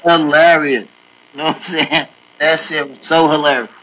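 A man's voice: a little high, steady tone, moderate pace, a bit bright, poor audio. A man hosting a casual podcast chat, telling stories in a loose, slangy way and laughing often. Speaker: podcast host.

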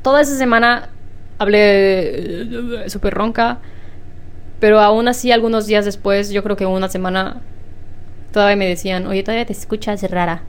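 A young woman chatting casually at home, laughing often and clearing her slightly hoarse throat. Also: mid-range voice, fairly even intonation, normal speed, pauses often. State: slightly hoarse after illness. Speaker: vlogger. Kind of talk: casual chat to camera. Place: home room. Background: washing machine.

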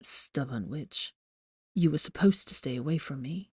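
A woman voicing a wounded young male wizard who speaks in a low, hoarse, tired murmur. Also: normal speed, dark tone, dry recording, heavily acted. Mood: tired teasing.

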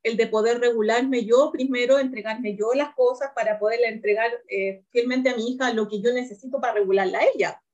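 A woman's voice: a little high, brisk, few pauses, muffled recording. A Chilean woman in her thirties, animatedly recounting a family conflict in a counseling session and acting out what others said. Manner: animated, acts out quotes of her daughter and partner.

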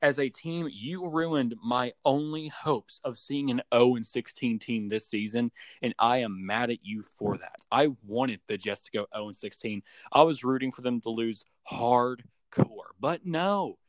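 A man's voice: mid-range voice, a little slow, few pauses, no room sound. A young man in a casual sports voice chat over a phone, giving opinions in a teasing, mock-serious way. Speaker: sports podcast co-host. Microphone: remote voice chat call on a phone.

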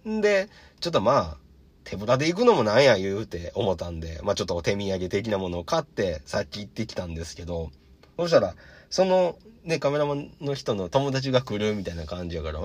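A man hosting a podcast in a Kansai Japanese accent, chatting through a story. His voice sits low but his pitch leaps around animatedly as he plays out each line of dialogue. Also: husky. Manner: lively, animated retelling with acted-out quotes. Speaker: podcast host. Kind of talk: casual storytelling.

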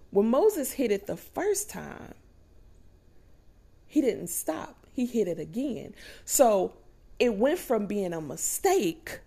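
A woman's voice: fairly low pitch, gravelly, warm tone. A woman preaching a sermon in a conversational way, often checking in with her listeners.

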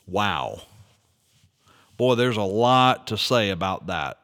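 Man talking slow and earnest, voice goes up and down a lot, asks rhetorical questions, long hall reverb. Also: lowish voice, expressive, fairly bright tone. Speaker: speaker commenting on an article. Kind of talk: reflective monologue.

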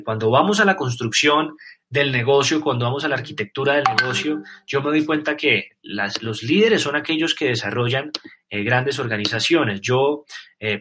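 A Colombian man speaks in a bright, forward voice at an ordinary middle pitch. He talks earnestly through a motivational livestream, filling pauses with small fillers and restarts. He often turns to the listener with direct questions. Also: husky. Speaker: network marketing leader giving a live talk.

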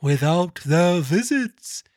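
Guy doing a high wailing ghost in chains, slow and mournful, dry sound. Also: expressive, a little mellow, no room sound. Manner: drawn-out wailing delivery, voice rising high. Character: anguished male ghost in chains, mournful and solemn. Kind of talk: dramatic reading of a classic novel.

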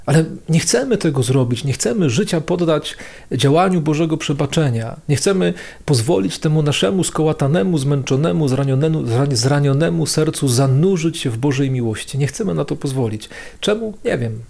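A man's voice: fairly high pitch, animated, normal speed, gravelly, darkish tone. Priest guy doing a chatty video sermon, slangy, keeps repeating lines to hammer them home. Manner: conversational, slangy, repeats phrases for emphasis.

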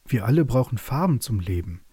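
A man's voice: mid-range voice, big pitch swings, a little fast, mellow, husky, no room sound. A man voicing grumbling, agreeable meadow beetles in a bedtime story. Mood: agreeing. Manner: humming, grumbling.

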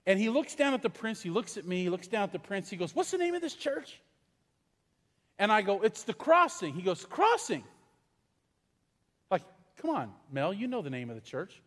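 A middle-aged man, a pastor, preaching a sermon in a large church in a conversational, storytelling way and putting questions to the congregation. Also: high-pitched. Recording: long reverb in a large church hall.

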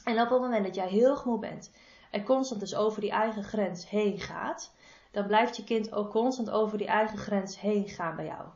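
Speaking at a moderate pace in a mid-range, somewhat mellow voice, a female body-energy therapist gives an informal advice monologue. She's warm and affectionate with the listener and tends to repeat her points; the audio is roomy and a little dull and muffled.

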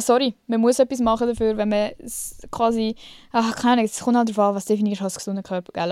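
A woman's voice: fairly high pitch, a little mellow, no room sound. Young woman with a Swiss German accent, podcast host giving advice, blunt and slangy, very dry close sound. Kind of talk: casual advice chat.

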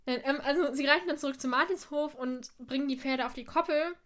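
A woman's voice: sits high, fast talker, a bit bright. A young woman co-hosting a podcast, chatting casually and often trailing off unsure. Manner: hesitant, trails off with "keine Ahnung". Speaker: podcast co-host. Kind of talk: casual chat recapping an episode.

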